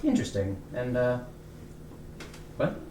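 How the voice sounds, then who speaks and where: A man's voice: mid-range voice, big pitch swings, measured pace, warm tone. Man, dungeon master, casual and laughing; distant mic, faint hiss. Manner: laughs easily, restarts, casual. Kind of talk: narrating a tabletop game. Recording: echoey room, distant mic.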